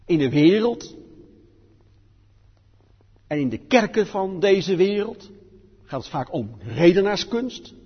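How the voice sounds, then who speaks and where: A man preaching a sermon in a church, fervent, swinging between loud emphatic declarations and low quiet passages. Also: lively intonation, slow, long pauses, husky. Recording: dull lo-fi sound with long church reverb.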